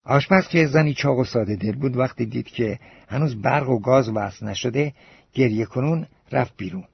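A man reading a novel aloud as an audiobook narrator, in a steady storytelling manner. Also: mid-range voice, gravelly, a little hiss or hum. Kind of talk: scripted narration. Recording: dull dry lo-fi recording.

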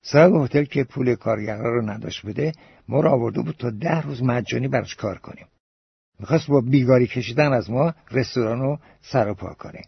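Male audiobook narrator, steady storytelling, dry close sound, dull lo-fi. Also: mid-range voice, creaky, breathy edge, dry recording. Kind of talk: scripted narration.

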